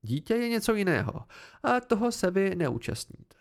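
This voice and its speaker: A man's voice: sing-song, creaky, full character voice. A man voicing a playful, teasing young warrior woman in an audiobook, raising his voice for her. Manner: amused and teasing, raised pitch.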